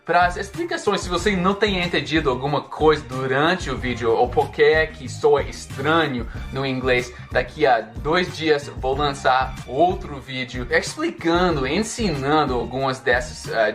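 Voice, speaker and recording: A presenter speaks directly to viewers, announcing an upcoming video. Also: male voice, mid-range voice, a bit bright.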